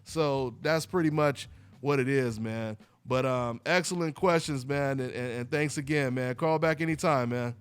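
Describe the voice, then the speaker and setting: A man hosts a call-in boxing radio show, rambling loosely and dropping plenty of "you know, man" fillers. His voice is clean and medium-pitched, at a normal speed.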